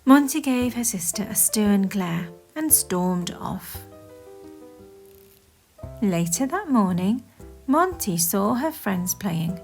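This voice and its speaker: A woman reads a children's story aloud at an unhurried pace, her mid-range voice slightly creaky and her intonation lively and swinging. She delivers it expressively and deliberately while music plays underneath.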